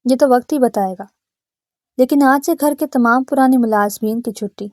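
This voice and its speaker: A woman voicing a stern, protective young man who is quick to anger, speaking firmly. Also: high voice, no echo, studio quality, natural voice. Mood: stern, angry. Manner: firm, threatening delivery.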